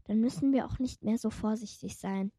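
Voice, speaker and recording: A woman's voice: on the high side, brisk, dark tone, slightly rough, no room sound, clean studio sound. Woman playing a cheeky little demon girl. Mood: teasing. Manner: teasing, sarcastic. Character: small, cheeky young female demon.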